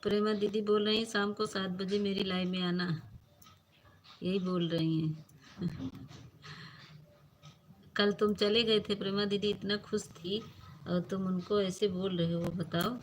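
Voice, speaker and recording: A woman's voice: mid-range voice, little pitch movement, normal speed, a little hiss or hum. A woman hosting a casual phone live stream, greeting viewers by name and teasingly scolding them. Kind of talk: casual live-stream chat reading comments.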